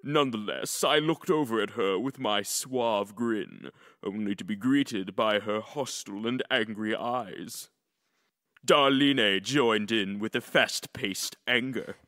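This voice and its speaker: A man narrating a first-person fan audiobook, expressive, with smug asides. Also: on the low side, slow pace. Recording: long echoey reverb.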